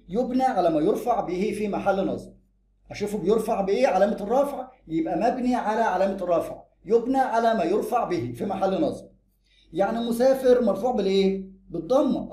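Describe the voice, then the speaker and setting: A man with an Egyptian Arabic accent teaching a grammar lesson, quick and emphatic, slowing down to stress each example. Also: high-pitched, mellow, reverberant. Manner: brisk, drills examples slowly and emphatically.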